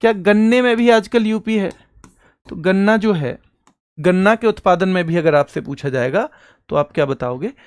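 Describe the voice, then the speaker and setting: A man's voice: high voice, dry recording. A male teacher runs an online exam-prep lesson, quizzing his students and affectionately calling them son and brother. He drills each answer by repeating it several times. The recording is dry and close, with no room sound. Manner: repetitive drilling, answers his own questions.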